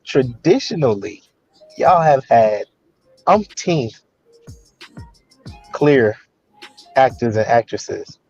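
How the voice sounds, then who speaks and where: A mid-pitched man chatting casually as co-host, often repeating himself as he finds his point. His sound is dull and a little lo-fi, with faint music behind him. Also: animated, drawn-out words, creaky, long pauses, a little mellow, breathy edge. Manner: stumbling restarts, conversational. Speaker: podcast co-host. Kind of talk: casual chat.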